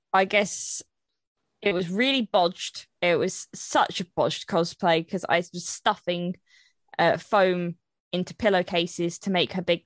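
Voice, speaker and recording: Brit girl on a podcast, low voice, chatty and open, dry sound. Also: no room sound. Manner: candid, chatty, laughs easily. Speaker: cosplayer and streamer guest. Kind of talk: casual podcast chat.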